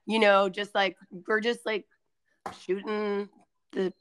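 A woman's voice: medium pitch, level tone, slow, clear, resonant tone. A woman in her twenties co-hosting a podcast, chatting casually with lots of fillers as she tells stories. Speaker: podcast co-host. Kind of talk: casual chat.

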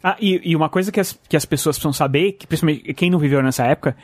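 A Brazilian man hosting a podcast, excitable and rambling in casual chat. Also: a little high, racing, no room sound. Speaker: podcast host.

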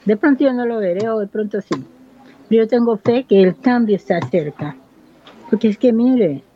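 A woman's voice: on the high side, normal speed, highs cut off, a little hiss or hum. A woman in her fifties from Buenaventura, Colombia, giving an earnest, impassioned interview about her life and community. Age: 50s. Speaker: local resident. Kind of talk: interview testimony.

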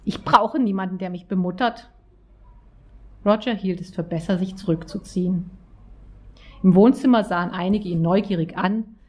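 Woman, audiobook reader, storytelling narration, expressive, lively. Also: mid-range voice.

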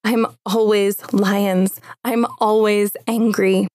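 A woman voicing a weeping, angry lion who is the narrator's sister, speaking slowly and with despair. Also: medium pitch, level tone, a little mellow, no echo, studio quality, natural voice.

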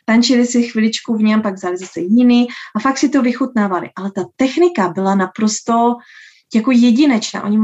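A woman who teaches dance, answering interview questions in a slow, thoughtful way with many filler sounds. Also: fairly high pitch, mellow. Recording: dull lo-fi sound.

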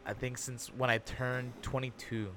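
A man's voice: medium pitch, flat delivery, unhurried, fairly bright tone, slight background noise. A man in his twenties hosting a casual podcast chat, rambling and repeating himself as he feels out his point. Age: 20s. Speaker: podcast host.

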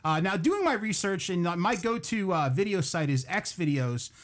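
A man's voice: high voice, very animated, moderate pace, slight background noise. A male podcast host chatting with a guest, stammering and giggling as he rambles. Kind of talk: casual podcast chat.

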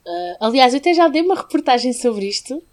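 A woman with a fairly high voice and a European Portuguese accent. She speaks conversationally as a podcast host, sharing her views in a casual discussion. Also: big pitch swings, fairly quick, crowd noise.

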